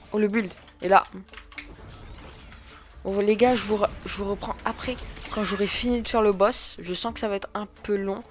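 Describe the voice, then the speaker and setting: A man giving excitable, chatty let's play commentary, often repeating words as he plays. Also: high-pitched. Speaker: gaming video creator.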